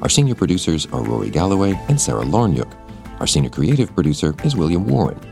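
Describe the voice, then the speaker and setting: A man's voice: deep voice, very animated, fast talker, vocal fry, a little mellow. A man presenting a podcast, reading out the closing credits over music. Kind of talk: scripted credits read. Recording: music bed under voice.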